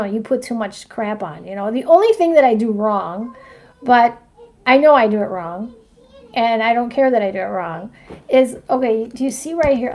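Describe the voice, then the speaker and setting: A woman's voice: a little high, warm tone. A woman in her forties chatting casually on a livestream as she walks through her makeup routine. She rambles and keeps asking "right?" and "you know what I mean?". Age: 40s. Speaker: astrology vlogger showing her makeup routine.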